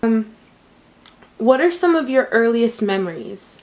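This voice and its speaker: A young woman in her twenties with a fairly high voice leads a casual interview with her father. She talks in a loose, chatty way, full of "um" and "you know," and keeps her questions simple and friendly. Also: very animated, unhurried, a little mellow. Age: 20s. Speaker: interviewer, daughter.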